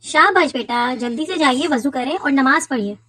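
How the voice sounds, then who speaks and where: A woman doing a patient loving mom, high voice, super dry close sound, kids short film. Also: animated, moderate pace, husky, no room sound, full character voice. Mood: gently teaching. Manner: patient, warmly instructive. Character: gentle, pious mother calling her son to prayer. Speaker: mother. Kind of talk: children's moral short film acting.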